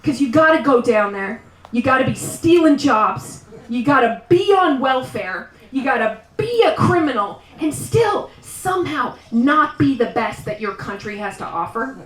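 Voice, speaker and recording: A woman performing a live stand-up set, self-mocking and wry, now and then breaking into shouted bursts. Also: sits high, big pitch swings, unhurried. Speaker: stand-up comedian. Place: small live venue. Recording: roomy live sound from a distant mic.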